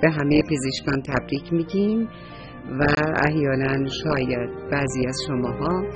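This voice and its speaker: A man's voice: medium pitch, soft background music. A man narrating a children's story and fondly addressing young listeners as host. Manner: warm, fond address to children.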